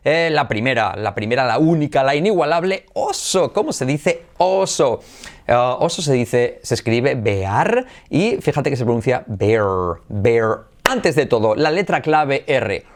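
A man from Spain with a Spanish accent, teaching English pronunciation in an upbeat lesson, mixing Spanish and English and drilling words slowly. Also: mid-range voice, lively intonation.

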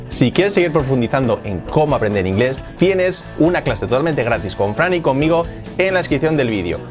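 Lively Spanish-speaking man teaching English. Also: a little high. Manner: lively, explanatory, repeats example phrases slowly. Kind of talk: online language lesson.

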